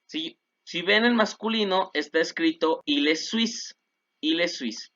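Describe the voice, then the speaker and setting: A man teaching French, patiently explaining and repeating word pairs slowly and clearly. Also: a little high, sharp tone. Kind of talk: explanatory language lesson. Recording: dull lo-fi recording.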